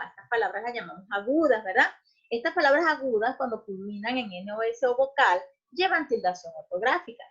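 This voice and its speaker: A woman teacher explaining grammar, checking in often with short questions and filling pauses with "este". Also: fairly high pitch. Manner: explanatory, checks in with "¿ok?" and "¿verdad?", frequent restarts and "este" fillers. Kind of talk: recorded grammar lesson. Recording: muffled lo-fi recording.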